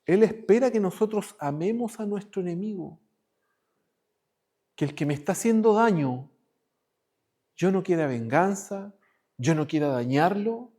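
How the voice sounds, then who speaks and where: A man preaching a sermon as pastor, moving between raised, emphatic lines and hushed ones. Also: sits high, animated, a little slow, pauses often.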